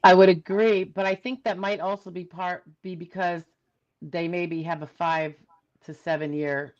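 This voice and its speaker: A woman's voice: fairly low pitch, steady tone, measured pace, darkish tone, lo-fi sound. A woman attorney in a casual discussion, thinking aloud and checking in with "right?".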